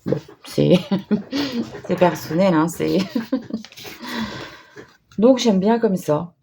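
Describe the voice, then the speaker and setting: Low, gravelly woman with a northern French accent. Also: animated, very slow, dark tone, slight background noise. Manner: chatty, hesitant, with many fillers. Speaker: crafting tutorial host. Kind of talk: casual craft demonstration.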